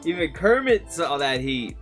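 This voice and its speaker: A man's voice: on the high side, very animated, moderate pace, a bit bright, soft background music. A young man hosting a reaction video in casual chat from a small room. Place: small wood-panelled room indoors.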